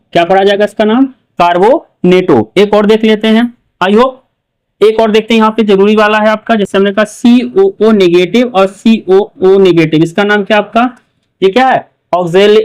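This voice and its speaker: A man's voice: high-pitched, clean tone, rough recording. A male chemistry teacher giving a lecture, asking his students questions and repeating each answer himself. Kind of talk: classroom lecture.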